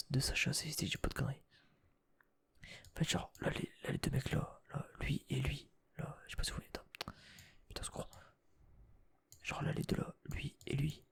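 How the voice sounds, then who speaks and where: A young man talks in a soft, very breathy whisper with a gravelly edge, as in casual ASMR chat. He thinks aloud, trails off and restarts his sentences, and drops in casual swear words. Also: mid-range voice.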